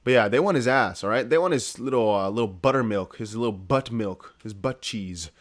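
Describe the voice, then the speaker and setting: Here a man from the Netherlands, Dutch accent and all, runs a crypto news livestream in a low-ish voice at a slightly quick pace. His commentary is casual and emphatic, full of chatter and repetition, and aimed directly at his viewers.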